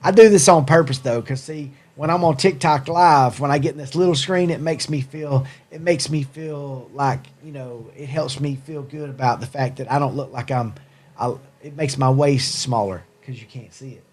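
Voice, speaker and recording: A Tennessee man with a Southern American accent hosts a livestream and owns a hat company, chatting casually with viewers in a rambling, jokey, self-deprecating way. His mid-range voice has a darkish tone and a moderate pace.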